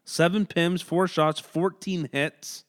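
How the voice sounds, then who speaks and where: A man's voice: on the high side, steady tone. A man co-hosting a casual hockey podcast at home, rattling off player stats and laughing often. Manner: reads stats in a quick list, breaks into laughs. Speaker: podcast co-host. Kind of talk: casual sports chat reading stats. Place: home room.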